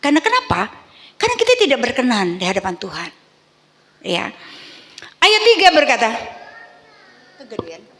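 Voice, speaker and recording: A woman's voice: a little high, huge pitch swings, normal speed, pauses often, a bit bright. A woman pastor preaching a sermon in a church, exhorting her congregation with rhetorical questions and frequent tag words. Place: church hall. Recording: long hall reverb.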